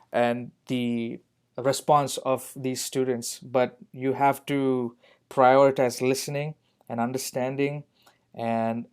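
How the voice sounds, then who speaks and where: A man appears as a guest on a youth ministry podcast, speaking earnestly in a reflective conversation. He repeats key points for emphasis. His voice is medium-pitched, smooth and a little mellow.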